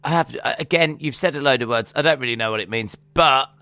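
Bright-voiced man, dry teasing. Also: mid-range voice, quick pace, no room sound. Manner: dry teasing, mock-serious banter. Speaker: podcast co-host. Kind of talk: casual chat.

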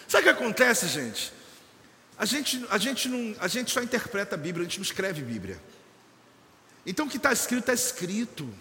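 A high-pitched, animated man preaching at a church service, swinging his voice up and down as he jokes and acts out little scenes. His tone is bright and cutting, and the sound carries a long hall reverb. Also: slight background noise. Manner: animated, joking, acts out church members and a doctor. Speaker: apostle and church leader. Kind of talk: lively sermon.

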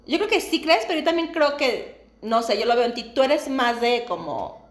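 In a reverberant space, a thirtysomething podcast co-host with a Mexican accent shares personal stories openly and with lots of animation. She laughs frequently and speaks at a moderate pace in a voice that sits high.

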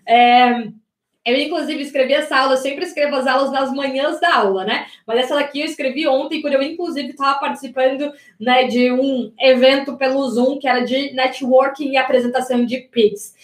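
A Brazilian business and communication mentor teaches an energetic online class, speaking at normal speed in a high-pitched voice with a Brazilian Portuguese accent. She addresses viewers directly as "gente" and asks rhetorical questions, and the sound is reverberant.

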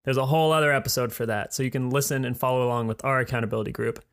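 A man's voice: medium pitch, steady tone, rapid-fire. A man co-hosting a casual podcast, talking with enthusiastic, playful hype. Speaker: podcast co-host.

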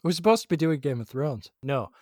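A man's voice: on the high side, expressive, fairly quick, a little mellow, dry recording, clean studio sound. A man co-hosting a podcast, joking and rambling through casual banter. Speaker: podcast co-host. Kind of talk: casual chat.

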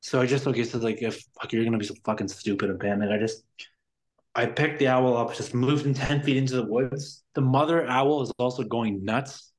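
A man's voice: medium pitch, fairly even intonation, brisk. A man telling a long story in casual chat, rambling and swearing, exasperated with careless people. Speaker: podcast guest.

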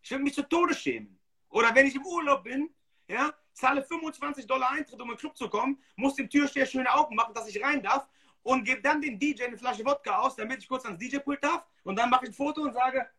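A high, bright and slightly husky male voice. He hosts a casual livestream podcast and speaks bluntly and emphatically, full of slang. His delivery is lively and direct. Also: a little fast. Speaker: DJ and podcast host.

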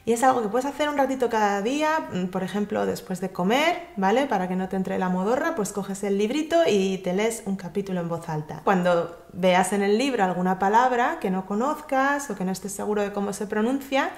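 A woman gives a lively, direct tutorial on English pronunciation straight to the viewer. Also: mid-range voice, a little fast, hardly any pauses, reverberant. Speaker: English pronunciation teacher and YouTube host. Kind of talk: casual tutorial talk to camera.

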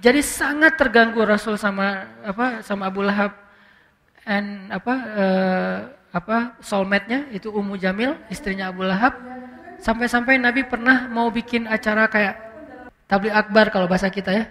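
Bright-voiced male preacher in an echoing hall. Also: high voice. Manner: storytelling, quietly acts out quoted speech. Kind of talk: casual sermon to young people. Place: large mosque hall. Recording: long hall reverb.

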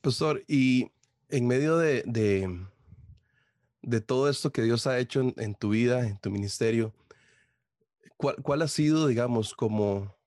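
A man with a Costa Rican accent hosting a podcast interview, asking his guest questions with many pauses, fillers and restarts. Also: medium pitch, darkish tone, no room sound, studio quality. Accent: Costa Rican Spanish. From Costa Rica. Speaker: podcast host. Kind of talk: casual interview.

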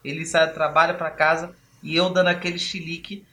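A man hosting a podcast who tells a story in a lively way and acts out the dialogue. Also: on the high side, fast, a little hiss or hum. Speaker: podcast host and trainer. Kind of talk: storytelling talk.

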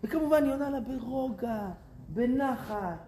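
A man giving a storytelling talk to young people, speaking animatedly and addressing them directly. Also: extremely high pitch. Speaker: speaker to youth. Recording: roomy with faint noise.

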